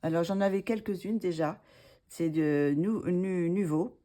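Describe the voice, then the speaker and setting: Casual vlogger woman, low mellow voice, hesitant delivery with lots of fillers. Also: a little slow. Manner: hesitant, many fillers and restarts. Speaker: art supplies vlogger. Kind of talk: casual haul video.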